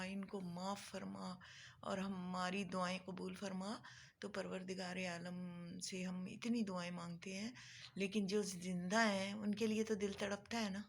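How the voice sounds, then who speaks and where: A woman's voice: medium pitch, gravelly. Tearful woman vlogger, pleading. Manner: earnest, pleading, repeats phrases for emphasis. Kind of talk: emotional monologue to viewers.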